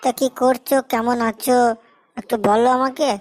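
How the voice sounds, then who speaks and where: A high-voiced, melodramatic young boyfriend, played by a woman in a comedy sketch. He pleads for attention and sinks into self-pitying laments. His talk is sulky and theatrical. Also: little pitch movement, normal speed, no echo, close to an everyday voice, low-quality recording. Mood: whiny. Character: lovesick young male boyfriend, whiny and melodramatic.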